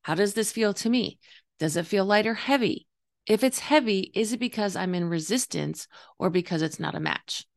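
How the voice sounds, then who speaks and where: A woman with a gravelly, slightly hoarse voice talking earnestly and reflectively as a coach hosting a solo podcast, explaining her views. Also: mid-range voice, normal speed. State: voice partly gone, slightly hoarse. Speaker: intuitive coach and podcast host.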